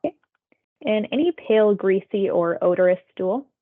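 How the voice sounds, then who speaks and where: Sounding animated, a woman with a mid-range voice asks survey questions as a public health phone interviewer, speaking at normal speed. Her manner is polite, procedural, and conversational, and the recording has a tinny, phone-like quality.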